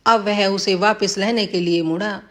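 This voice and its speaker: A woman tells a village folk tale in a plain storybook reading. Her voice sits at a middling pitch for a woman. She gives the villagers' lines only a light touch. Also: steady tone, measured pace, fairly bright tone. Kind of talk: scripted story narration.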